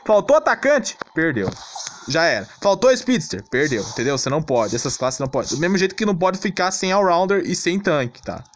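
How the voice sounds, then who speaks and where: A Brazilian gaming channel host gives a casual gameplay tutorial in a slightly high, very animated voice, talking a little fast. He's blunt and exasperated, constantly tacking on check-in questions to make sure you're following. Clicking sounds and background noise fill the recording.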